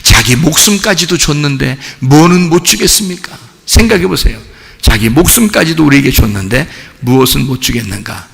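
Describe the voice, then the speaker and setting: A male pastor preaching a sermon in a church, animated and speaking directly to the congregation. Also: a little high, normal speed, creaky. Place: church sanctuary. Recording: long church hall reverb.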